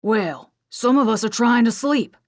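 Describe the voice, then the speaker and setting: Lady reading as a gruff australian soldier guy, gravelly and deep, growly and annoyed, dry close sound. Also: expressive, measured pace, no room sound. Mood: irritated.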